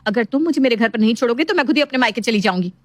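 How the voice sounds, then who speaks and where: A woman voicing a fed-up young wife in an animated family story, sharp and exasperated. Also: on the high side, racing, dry recording, voice pushed up, close to an everyday voice. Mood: insistent.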